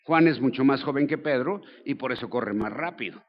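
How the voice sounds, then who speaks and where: An older man with a Mexican accent preaching a sermon as pastor, colloquial and joking, telling the story with lively slang. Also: medium pitch, a little fast, muffled recording. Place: church.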